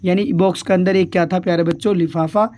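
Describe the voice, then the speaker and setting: Male teacher doing exam revision, asks "what is it" then answers himself, keeps saying dear children, drags english words out slow. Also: high voice, steady tone, darkish tone. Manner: keeps asking and answering his own questions; addresses pupils as dear children.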